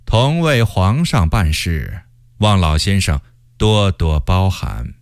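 A man voicing a haughty, scheming male court eunuch with a shrill laugh and a drawling, arrogant manner. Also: very animated, slow, no echo. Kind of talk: storytelling character voice.

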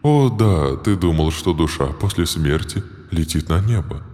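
A man voicing a huge, greedy female monster who feeds on souls, speaking slowly and gloatingly. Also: low voice, expressive, darkish tone. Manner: slow, menacing, gloating. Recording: voice in a long reverb.

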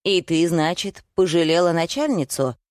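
A woman reading aloud and voicing a coarse, bullying middle-aged husband who talks gruffly and scornfully. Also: fairly low pitch, moderate pace, a little mellow, no room sound, studio quality, natural voice.

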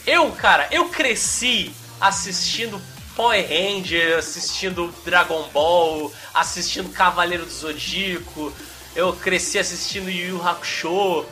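A Brazilian man co-hosting a podcast, chatting casually in an animated, rambling way. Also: sits high, a little slow, soft background music. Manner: animated, rambling, fillers of "cara". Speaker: podcast host. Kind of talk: casual chat.

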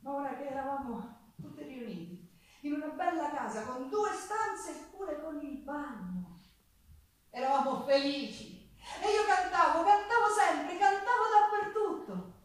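On a theatre stage with live guitar, a stage actress and singer plays a passionate working-class Sicilian in a Sicilian accent, recalling her hard life in a dramatic, emphatic monologue full of repetitions and folk singing. Her voice is high, expressive, a little slow, and sounds excited and joyful. The recording is echoey, with a distant mic and guitar music.

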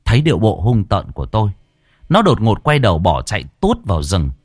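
Brief: male horror storyteller, dramatic and animated, dry close mic. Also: fairly low pitch, fairly quick, husky, dry recording. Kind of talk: first-person ghost story narration.

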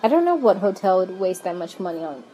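A woman's voice: lowish voice, very animated, fast, warm tone, low-quality recording. A woman co-hosting a casual podcast, trading wry jokey asides with laughs. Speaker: podcast co-host. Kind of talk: casual chat.

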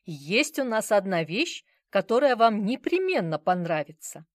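A woman doing an eager, flattering salesman. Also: mid-range voice, measured pace, no echo, studio quality. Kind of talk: audiobook character reading.

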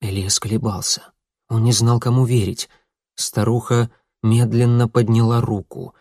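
A man narrating an audiobook in a steady, measured way. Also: medium pitch, dry recording, studio quality.

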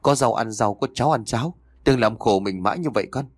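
A man voicing a tearful, gentle elderly aunt from the countryside, speaking softly and tenderly in a storybook reading. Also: mid-range voice, fast talker, no room sound, clean studio sound, close to an everyday voice. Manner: soft, trembling and tender.

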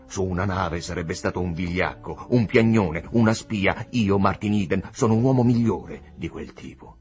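A man's voice: low-pitched, moderate pace, darkish tone, soft background music, close to an everyday voice. A man voicing a proud young sailor, dazed with love, who laughs with tipsy bravado. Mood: scornful.

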